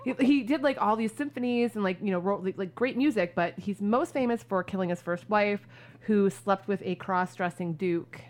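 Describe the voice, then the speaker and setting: A woman's voice: mid-range voice, moderate pace, a little mellow. A woman co-hosting a podcast, telling a story in frank, joking casual chat. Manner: chatty, frank, joking, many "like" fillers. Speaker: podcast co-host.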